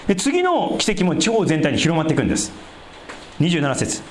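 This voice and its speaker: A man preaching a sermon as a pastor, explaining scripture in a conversational way and dropping into a lower voice for asides. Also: huge pitch swings, brisk, roomy sound, a little hiss or hum. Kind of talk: sermon, Bible exposition.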